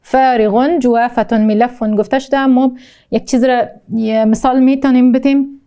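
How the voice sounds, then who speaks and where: A woman with an Afghan Dari accent teaching a recorded language lesson, slowly repeating each word twice and explaining with frequent hesitations. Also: a little high, fairly even intonation, mellow, smooth. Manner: slow, deliberate pronunciation drills, repeating each word twice. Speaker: Arabic teacher.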